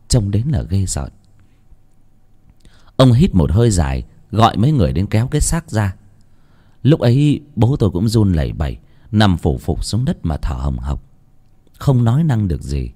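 A man's voice: lowish voice, dark tone. A man from Vietnam narrating a scripted horror story in a dramatic, vivid way.

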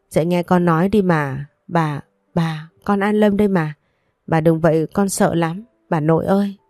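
A woman's voice: on the low side, darkish tone, no echo, studio quality, lightly acted. A woman reading as a blunt, headstrong young woman. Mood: sobbing. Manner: blunt, cold toward her father. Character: headstrong young woman, grief-stricken granddaughter.

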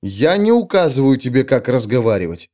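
A man plays a tired human swordsman who answers in a calm, even, dry voice. He stays patient and a little sardonic, in a level, unhurried tone. An audiobook character. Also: fairly high pitch. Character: weary, patient adult male human swordsman.

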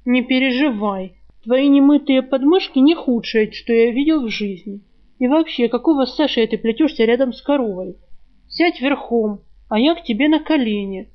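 A mocking, spiteful talking rat from a storybook, forever needling the girl who carries him, put on by a woman reading the book aloud. The voice sits fairly high. The recording sounds dull and lo-fi. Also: close to an everyday voice. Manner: mocking, spiteful, quick with insults. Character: sly sharp-tongued male talking rat, sick and bound.

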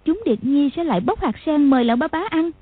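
A woman voicing a frightened but kind-hearted little girl in an audiobook, soft and timid, with a husky voice. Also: very high-pitched, fast, no echo, voice pushed up. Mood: gentle. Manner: soft, timid, stammering when scared. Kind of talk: audiobook character voice. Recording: tinny phone-like, dry.

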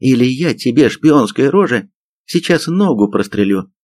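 A man's voice: mid-range voice, expressive, normal speed, darkish tone, dry recording, pitched above the performer's own voice, lightly acted. A man voicing a young female army sergeant who shrieks commands in an audiobook. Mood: shrill commanding.

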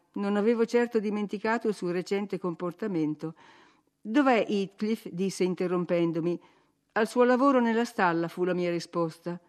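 A woman narrating a classic novel as an audiobook in a measured, expressive reading. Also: mid-range voice. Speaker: audiobook reader.

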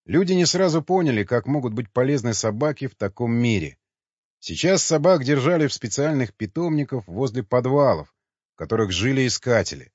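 A man narrating an audiobook in a dramatic, expressive way. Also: mid-range voice, no room sound. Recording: dull, slightly lo-fi dry recording.

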